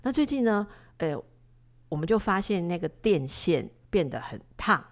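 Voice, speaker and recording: A woman in her fifties with a Taiwanese Mandarin accent, co-hosting a podcast and telling a story with lively, acted-out dialogue. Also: lowish voice, normal speed. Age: 50s. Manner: lively storyteller who acts out quoted dialogue. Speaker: podcast co-host, doctor. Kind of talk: casual conversational podcast.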